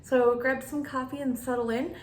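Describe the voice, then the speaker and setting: A beauty vlogger and channel host sits down for a friendly, rambling chat with her viewers, a slight lisp coming from her retainer. Her high-pitched voice stays steady at a normal speed, and the room is echoey with clear background noise.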